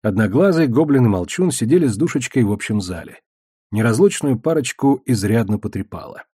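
Male first-person audiobook narrator; mellow, husky, dry; measured delivery. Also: mid-range voice, lively intonation, no room sound.

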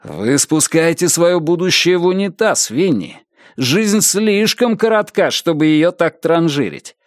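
A pushy, sneering middle-aged man lectures a younger colleague, as a male narrator puts him on. He leans on every point with insistent, needling persistence. The audiobook voice is slightly high for a man and recorded very dry. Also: animated, unhurried, no echo.

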